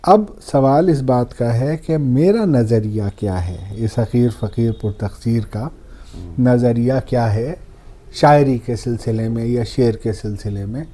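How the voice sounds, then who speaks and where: A man's voice: mid-range voice, warm tone. A man, a guest poet, talking about poetry in a humble, courteous way and quoting verse. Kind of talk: reflective conversation on poetry.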